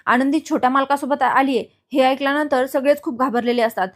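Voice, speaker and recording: A woman's voice: high voice, fairly quick. A woman narrating a recap of a TV serial in a casual storytelling way. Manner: steady retelling, small restarts.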